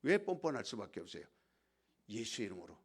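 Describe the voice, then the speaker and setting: A man's voice: fairly low pitch, big pitch swings, fast, breathy edge. A male pastor preaching a sermon emphatically, drawing call-and-response from the congregation.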